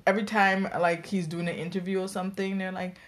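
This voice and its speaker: A woman's voice: medium pitch, flat delivery, quick pace. A woman co-hosting a podcast in casual chat, with dry, sarcastic quips. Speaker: podcast co-host.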